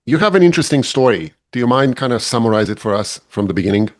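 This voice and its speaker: A man's voice: medium pitch, big pitch swings, quick pace. A man hosting a podcast, asking his guest brief, curious questions. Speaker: podcast host. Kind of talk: interviewing.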